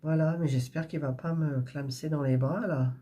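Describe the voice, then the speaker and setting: A woman's voice: low-pitched, steady tone, normal speed, dark tone. A woman with a stuffy nose, chatting in a rambling, casual way while preparing embroidery threads. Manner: chatty, rambling, with frequent fillers and restarts. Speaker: cross-stitch crafter vlogger.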